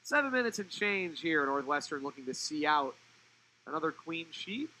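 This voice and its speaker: Man doing play-by-play, bright ringing tone, fairly high voice, live soccer commentary. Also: sing-song, normal speed, poor audio. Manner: fluent, rises in pitch on attacking plays.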